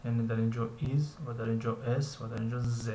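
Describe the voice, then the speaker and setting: A man with a Tajik accent teaching English, reading English lines slowly and explaining them with frequent hesitations. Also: mid-range voice, fairly even intonation, warm tone. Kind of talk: recorded language lesson. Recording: echoey room with faint ambient noise.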